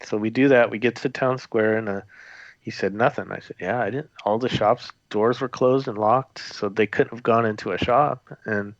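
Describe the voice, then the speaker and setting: A man's voice: lowish voice, fairly even intonation, moderate pace, dry recording. A man, a former theme park custodian, telling a story in a conversational, rambling way with many fillers and restarts. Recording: dull lo-fi audio, dry.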